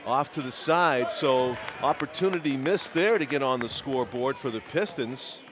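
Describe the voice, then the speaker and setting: A man's voice: medium pitch, normal speed. Man calling youth basketball play-by-play. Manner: steady play-by-play calling names. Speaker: play-by-play commentator. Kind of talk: local sports commentary. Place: school gymnasium. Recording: noisy gym ambience.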